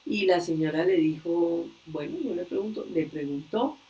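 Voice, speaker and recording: A woman leading a religious workshop, earnestly retelling a story slowly and with frequent hesitations over a video call. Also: lowish voice, warm tone. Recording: distant video-call audio.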